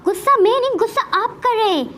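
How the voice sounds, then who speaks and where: A woman's voice: fast, fairly bright tone. A woman voicing a fed-up young wife and mother who protests and argues back in a game role-play. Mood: protesting. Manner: defensive, protesting, high-strung.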